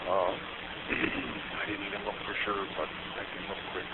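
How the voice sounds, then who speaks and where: A man's voice: on the low side, monotone, a little slow. A man calling a sheriff's office about school buses, talking plainly and informally, heard over a clipped phone line. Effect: clipped, tinny phone line. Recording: archived tinny phone call with hiss.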